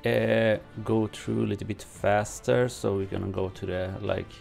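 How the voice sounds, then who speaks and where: A gaming streamer with a low, gravelly, darkish voice reads game update notes and comments on them in English, not his native language. His delivery is flat and halting, full of fillers and restarts, with faint music in his home streaming room.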